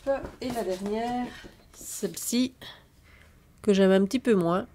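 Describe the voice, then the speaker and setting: Slow, hesitant woman showing craft papers. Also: medium pitch, warm tone, slight background noise. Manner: slow, hesitant, many fillers while showing items. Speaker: scrapbooking haul vlogger. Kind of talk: casual haul video commentary.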